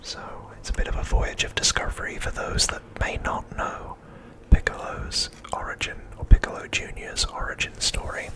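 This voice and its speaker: This is an ASMR host whispering without voicing, airy and quiet. The show-and-tell commentary is off the cuff and takes its time.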